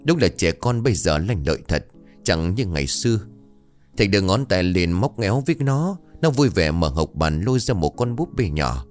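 A man narrating a ghost story in a dramatic, expressive reading style. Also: sits low, normal speed. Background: faint music.

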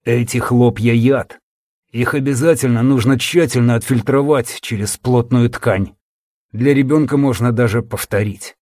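A man voicing a tired, grave older healer who speaks slowly and calmly. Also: no echo, studio quality, close to an everyday voice. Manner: slow, low, tired murmur. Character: weary older male healer, calm and grave.

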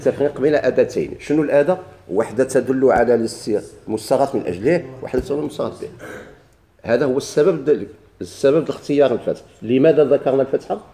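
A man's voice: mid-range voice, very fast, dark tone. A man with a Moroccan accent teaching a grammar lesson, putting questions to his students and answering them himself, repeating each key point.

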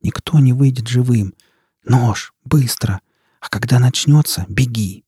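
A man's voice: mid-range voice, measured pace, dark tone, breathy edge, no echo, clean studio sound. A man voicing a scared but determined young girl who whispers urgently.

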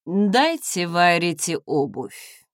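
A woman voicing a stern male dragon lord in an audiobook, quiet, calm and commanding. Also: low-pitched, a little slow, creaky, no room sound, studio quality, voice pushed down, exaggerated voice. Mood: cold. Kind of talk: audiobook character voice.

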